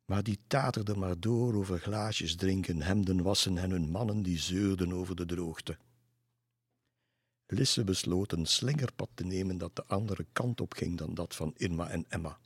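A man calmly reading a children's story aloud. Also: low-pitched, moderate pace, slightly rough, dry recording, clean studio sound.

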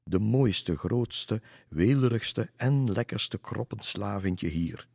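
A man's voice: fairly low pitch, animated, takes it slowly, creaky, darkish tone, slightly rough, no echo, studio quality, pitched above the performer's own voice, exaggerated voice. A man voicing a contented farmer who praises his lettuce. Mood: praising.

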